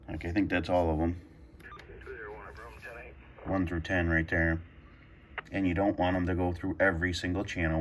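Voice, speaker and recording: At home in a carpeted room, a man with a low voice demonstrates a radio scanner in a casual, improvised tutorial. He hesitates and thinks aloud as he presses buttons.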